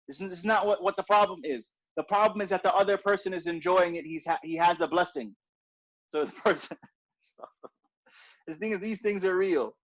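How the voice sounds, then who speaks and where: A man whose voice sits high speaks at a moderate pace, teaching religion informally and conversationally. He repeats himself for emphasis and keeps asking "right?" The recording quality is dull and lo-fi.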